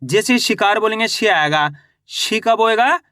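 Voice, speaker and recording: This man's voice sits high, bright and forceful, with an animated delivery at normal speed and a clean tone. He teaches Hindi reading slowly, syllable by syllable and then the full word, and asks the viewer questions he answers himself, all in clean studio sound without echo.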